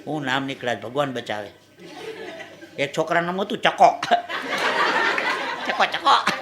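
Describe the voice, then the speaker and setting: A man doing live stand-up comedy, telling jokes and stories and slipping into bits of song and shouted voices. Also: fairly high pitch, sing-song, moderate pace. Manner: jokey storyteller, sings snatches and shouts voices. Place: stage before a live audience. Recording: live stage recording with crowd laughter and noise.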